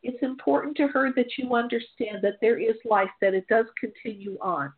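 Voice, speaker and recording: A high-pitched woman speaks in a chatty, reassuring way and laughs easily. She hosts a call-in psychic reading show, and her voice comes over a thin, tinny phone line. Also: moderate pace, breathy edge. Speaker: psychic medium host.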